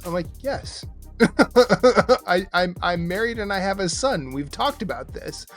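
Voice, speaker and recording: A man's voice: high-pitched, big pitch swings, measured pace, fairly bright tone, faint music behind. Dry-joking man in his forties. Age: 40s. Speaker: podcast guest. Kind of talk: casual podcast chat.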